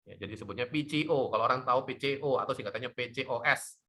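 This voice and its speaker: A middle-aged man, a doctor, explaining health topics in a lively talk show chat. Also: mid-range voice, fast, slight background noise. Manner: lively, animated explaining with laughs.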